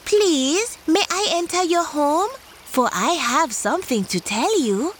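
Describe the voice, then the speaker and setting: Woman voicing a high, coaxing storybook tortoise. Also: animated, measured pace, slight background noise. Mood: polite pleading. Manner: polite, coaxing. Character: sly, sweet-talking large female tortoise trickster. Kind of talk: children's folk tale storytelling.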